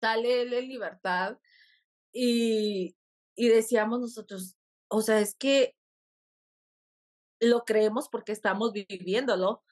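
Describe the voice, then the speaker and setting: A woman, a podcast guest, telling a personal story in a lively conversational way and laughing often. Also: on the high side, takes it slowly, long pauses.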